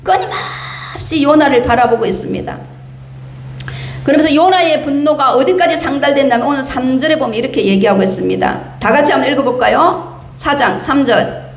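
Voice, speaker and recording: A high-pitched woman pastor speaks a bit fast, preaching in a church sanctuary where the room echoes and slight background noise comes through. She puts pointed rhetorical questions to the congregation and voices the prophet's grievances as quoted speech, acting out the complaints of those she quotes.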